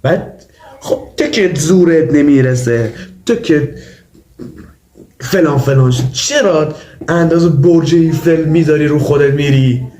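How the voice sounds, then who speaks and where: A man's voice: fairly high pitch, dark tone, reverberant, slight background noise. A young man with a cold, chatting through a try-not-to-laugh reaction video and insisting the clips aren't funny. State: has a cold. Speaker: YouTuber.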